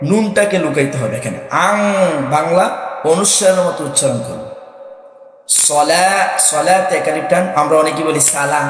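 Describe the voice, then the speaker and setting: A man teaching Quran recitation, chanting verses in long drawn-out tones between quick spoken explanations. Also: fairly high pitch, animated, very echoey, in a large hall.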